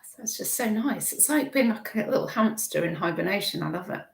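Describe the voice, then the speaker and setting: A woman's voice: mid-range voice, expressive, fairly quick, creaky. A British woman hosting a casual live stream from her kitchen, rambling chattily and breaking off her own sentences. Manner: chatty, self-interrupting, warm chuckles. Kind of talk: rambling casual chat, reading viewer comments. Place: home kitchen. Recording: echoey home kitchen.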